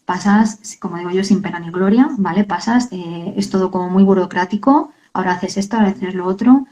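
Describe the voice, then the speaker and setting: Guest author, woman, earnest and halting in a mellow voice. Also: lowish voice, rough recording. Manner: earnest, halting, many tag questions. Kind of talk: emotional interview talk.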